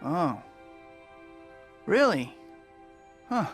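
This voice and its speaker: A man's voice: fairly high pitch, sing-song, drawn-out words, fairly bright tone, soft background music, exaggerated voice. A man playing an earnest, awkward young superhero in a video game, boyish in manner. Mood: apologetic, flustered. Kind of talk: video game character acting.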